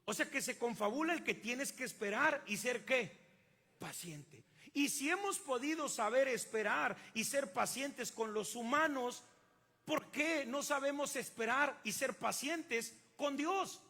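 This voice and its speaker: A man's voice: very high voice, unhurried, bright, forceful tone, breathy edge, long reverb tail. A man with a Mexican accent preaching a sermon, emphatic and drawing the congregation in with call-and-response questions. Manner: emphatic, asks the congregation to fill in words. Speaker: pastor.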